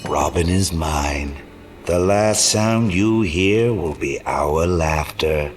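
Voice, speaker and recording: A man playing a sadistic clown villain in an audio drama, with mocking, theatrical, drawn-out delivery. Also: sits low, slight background noise. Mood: menacing.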